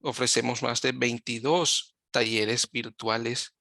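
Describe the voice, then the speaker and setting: A man giving live Spanish interpretation of a webinar over a video call, talking in halting phrases and often correcting himself mid-sentence. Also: medium pitch, fairly even intonation, gravelly, bright, forceful tone, no room sound, clean studio sound. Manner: halting, with frequent self-corrections.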